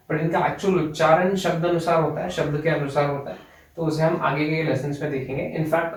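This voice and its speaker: A young man teaching an online language lesson, explaining step by step and repeating each word slowly. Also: on the high side. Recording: echoey room, voice from a distance.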